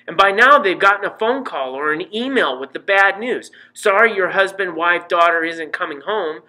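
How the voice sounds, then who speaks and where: A man's voice: high-pitched, animated, normal speed, pushed and bright, voice pushed up, exaggerated voice, low-quality recording. A man voicing a worried, persistent middle-aged mother who pleads and insists as she talks to her son in a storybook reading. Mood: anguished pleading.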